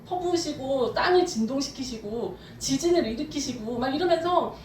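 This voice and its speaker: A woman pastor preaching a sermon with fervent emphasis, speeding up and slowing down as she drives her points home. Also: high voice, expressive, darkish tone, a little hiss or hum. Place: church sanctuary. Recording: echoey church hall, from far off.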